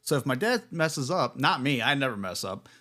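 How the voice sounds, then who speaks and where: A man's voice: mid-range voice, sing-song, moderate pace, bright, forceful tone. A man hosting a casual livestream equipment test, rambling and chuckling as he corrects himself. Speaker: livestream host.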